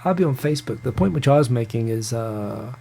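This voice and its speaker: His mid-range voice is creaky, mellow and husky, with lively intonation and a fairly quick pace. The host, a New Zealand man in his thirties, runs a casual live stream from a home room in Tokyo, reading viewer comments, greeting viewers by name and stumbling into chatty restarts.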